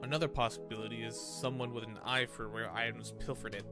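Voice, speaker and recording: A man streaming a game reads the visual novel's narration and dialogue aloud dramatically, from an indoor room with a streaming setup. His medium-pitched voice is fairly even in intonation and quick in pace. Game music plays in the background.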